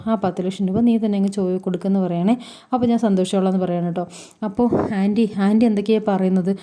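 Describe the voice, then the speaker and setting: A woman's voice: mid-range voice, warm tone. A woman vlogger casually recapping a TV serial episode, rattling through each character's lines in turn.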